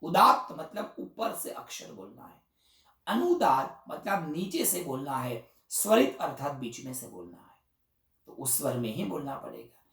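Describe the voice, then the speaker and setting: A man's voice: on the high side, sing-song, unhurried, a bit bright. A man narrating a devotional story as a religious storyteller, earnestly exhorting his listeners. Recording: roomy hall, distant mic.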